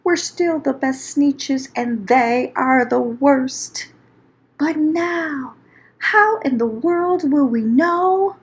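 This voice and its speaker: Snobbish storybook creature, played by a woman: haughty, groaning indignation, slow and high. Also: heavily acted. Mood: dismayed, haughty. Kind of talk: children's storybook read-aloud.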